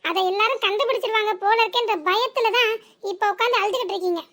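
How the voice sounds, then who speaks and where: A woman's voice: extremely high pitch, fairly bright tone. A woman voicing a playful, mocking young village woman in a cartoon comedy, with a southern Tamil Nadu accent. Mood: knowing. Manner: mocking, quick-witted, giggly.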